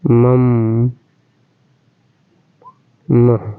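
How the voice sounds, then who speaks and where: Man, classroom teacher, flat tone, slow spelled-out lesson, tinny phone-like recording. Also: medium pitch, clear, resonant tone, no echo. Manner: drawn-out syllables, repeated checks for understanding.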